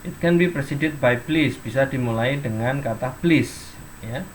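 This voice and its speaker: A man's voice: medium pitch, measured pace, a little hiss or hum. A man teaching English in an online class, explaining step by step and reading example sentences and dictionary entries aloud.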